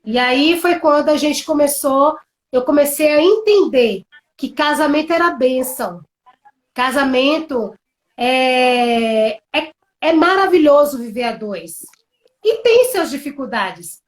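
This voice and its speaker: High-voiced woman telling a family story. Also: slow. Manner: animated, dramatic retelling of family drama. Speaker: co-host of a couples live stream. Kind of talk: casual storytelling.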